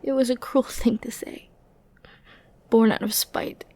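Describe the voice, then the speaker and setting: In an intimate ASMR roleplay, a woman voices an ancient banished villainess who is flirty and dangerous, speaking breathily and often close to a whisper with tender, brooding, dramatic pauses. Her voice sits on the high side but is pushed down, with a steady, dark tone. She sounds hurt and regretful.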